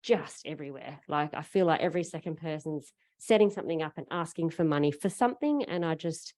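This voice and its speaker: A middle-aged Australian woman shares a personal account in a low voice, speaking through a face mask. She is informal and halting, with a self-deprecating way of putting things. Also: darkish tone. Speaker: panel speaker, parent fundraiser.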